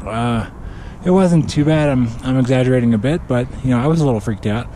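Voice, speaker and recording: A man skiing solo in the backcountry talks his situation through to his own camera, speaking fairly quickly in a warm, mid-range voice. He's hesitant and hard on himself, laughing nervously now and then, with outdoor wind and camera noise in the snowy forest.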